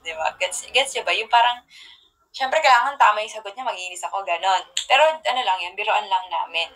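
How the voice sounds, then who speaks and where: Bright-voiced young woman chatting on livestream. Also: mid-range voice, brisk, rough recording. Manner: rambling storytelling with soft trailing asides. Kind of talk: casual livestream chat.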